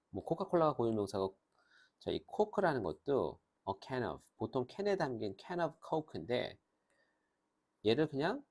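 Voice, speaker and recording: A man teaching English grammar in a lively lecture, pausing to say English phrases slowly and clearly. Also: mid-range voice. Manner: animated, switches between Korean and slow, drawn-out English phrases.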